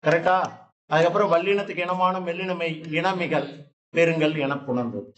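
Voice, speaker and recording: A man's voice: fairly high pitch, roomy sound, dull audio. A man teaching a grammar lesson in a classroom, explaining step by step and putting questions to his students.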